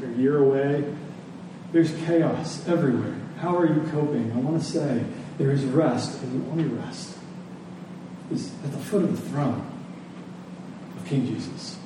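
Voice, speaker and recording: A pastor with a mid-range voice preaches earnestly and deliberately to a congregation in a large, echoey room, using rhetorical questions and deliberate pauses before closing in prayer. The recording has hall echo, a distant mic, and faint noise.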